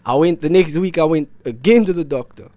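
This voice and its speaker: Speaking fairly quickly in a warm, fairly high voice, a young vlogger who is sick and worn out tells a slangy, rambling story about his illness to camera, repeating himself often. No room sound is audible.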